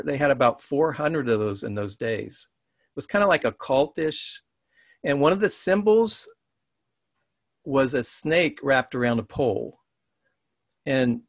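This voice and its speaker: A man preaching a conversational, earnest sermon and then reading a blessing slowly. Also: medium pitch, dry recording, studio quality. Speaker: pastor.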